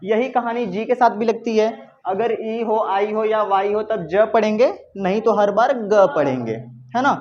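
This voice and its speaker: A male teacher giving a classroom English lesson, lively and coaxing, repeating his questions to the students. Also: high voice, measured pace, muffled recording.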